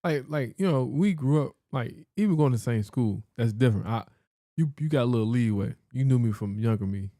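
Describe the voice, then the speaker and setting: A man's voice: mid-range voice, lively intonation, a little fast, mellow, no room sound, studio quality. A man co-hosting a casual podcast, telling stories in a slangy, laughing way. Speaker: podcast co-host.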